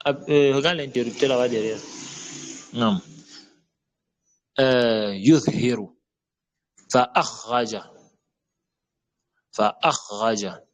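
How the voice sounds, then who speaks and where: A man teaching Quranic pronunciation, repeating each word slowly and correcting common mistakes. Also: medium pitch. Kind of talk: slow step-by-step pronunciation lesson.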